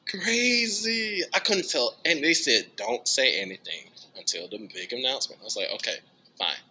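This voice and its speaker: A young man from the United States talks about his music in a relaxed, chatty way. His voice is very bright, and light noise sits behind him. When he quotes himself his pitch leaps up into excited, squealing outbursts. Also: fairly quick, low-quality recording. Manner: animated, bursts into high excited exclamations when quoting himself. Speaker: drummer, interview guest. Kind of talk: casual storytelling interview.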